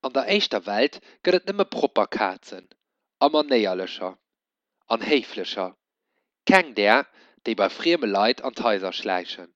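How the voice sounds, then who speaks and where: A man voicing a gruff, grumbling father who dislikes cats, speaking slowly and emphatically. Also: on the low side, big pitch swings, fairly bright tone, no room sound. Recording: dull dry lo-fi recording.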